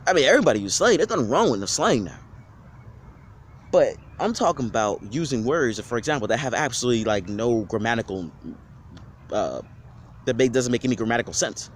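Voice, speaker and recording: A vlogger with a medium-pitched voice and lively intonation goes on an off-the-cuff rant in a casual vlog. He talks fairly quickly, slangy and profane, rambling with many restarts, and there's slight background noise.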